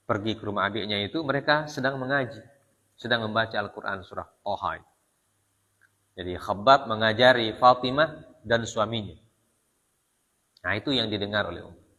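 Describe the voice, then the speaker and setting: A man's voice: on the low side, pushed and bright. A man preaching a storytelling sermon, told with animation, rhetorical questions and a frequent "ya". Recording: long reverb of a hall.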